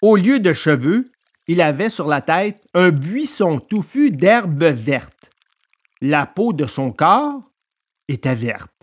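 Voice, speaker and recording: Slow, expressive male storyteller. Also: fairly high pitch. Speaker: storybook narrator. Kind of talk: scripted storybook narration.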